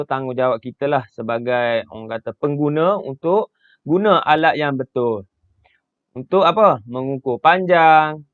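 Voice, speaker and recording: A man's voice: mid-range voice, clear, resonant tone, no room sound, phone-quality sound. A man with a Malaysian accent, a secondary school science teacher narrating a slide lesson step by step, often saying "ha" and "okay" and asking his class questions. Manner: explains step by step, many "ha" and "okay" fillers, asks the class questions.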